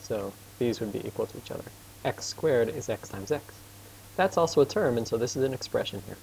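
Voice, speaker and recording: A man's voice: medium pitch, animated, vocal fry, darkish tone, a little hiss or hum, rough recording. A man tutoring math casually and patiently, asking his student questions as he works. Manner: casual and patient, quizzes his student, admits he talks fast. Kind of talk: informal tutoring lesson.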